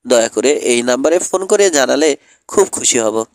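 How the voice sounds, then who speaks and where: A man voices a polite teenage boy detective. His voice is medium-pitched and close to an everyday voice, with lively intonation and normal speed, recorded cleanly in a studio with no echo.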